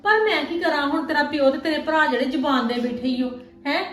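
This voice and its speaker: A woman's voice: high voice, fast, natural voice. A middle-aged woman playing a blunt, scolding village mother. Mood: worried. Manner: scolding, blunt, rhetorical questions. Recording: echoey room.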